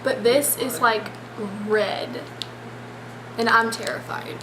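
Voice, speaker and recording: A woman's voice: fairly high pitch, slow pace. A young woman chatting casually as she hosts a vlog. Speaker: vlogger. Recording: noisy echoey room, clattering dishes.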